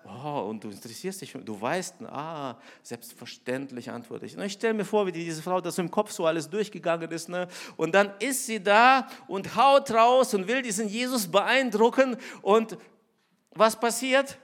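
A middle-aged pastor preaches in a conversational way. His voice sits a little high for a man. He slips into little acted voices and swings from near-whispers to loud, pressing emphasis. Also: moderate pace. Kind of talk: sermon.

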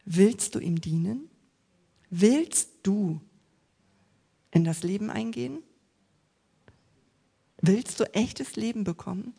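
A woman preaches in a husky, slightly breathy voice at a middling pitch. She retells scripture and turns again and again to ask her listeners direct questions. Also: lively intonation, slow, long pauses, mellow. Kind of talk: sermon.

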